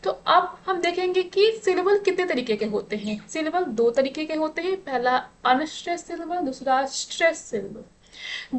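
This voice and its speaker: A woman teaches an exam-prep lesson. Her voice sits high, and she takes her time, working through each point patiently and answering her own rhetorical questions.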